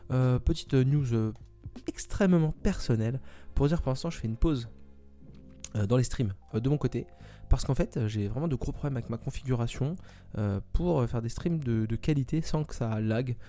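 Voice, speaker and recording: Dark-voiced hesitant podcast host, man. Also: mid-range voice, moderate pace, faint music behind. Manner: hesitant, many fillers and restarts. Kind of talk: casual solo podcast.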